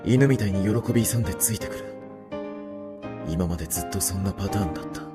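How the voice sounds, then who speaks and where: An actor playing a gruff, domineering male senior who broods in inner monologue in a drama CD. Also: low-pitched, fast talker, lightly acted. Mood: brooding. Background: loud music.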